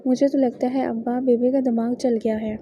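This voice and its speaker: A woman's voice: on the high side, little pitch movement, dull audio, background noise, close to an everyday voice. A woman reading the lines of a stubborn, hot-tempered young village man who talks in an irritated, complaining way.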